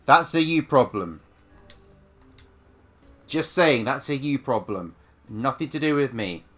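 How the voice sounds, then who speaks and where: A man's voice: mid-range voice, expressive, takes it slowly, fairly bright tone, soft background music. A man giving casual gameplay commentary as a streamer, with sarcastic, offhand remarks. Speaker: let's play streamer.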